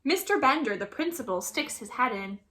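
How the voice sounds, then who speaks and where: A woman reading a children's story aloud as a teacher would, with expressive, dramatic narration. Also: fairly high pitch, normal speed.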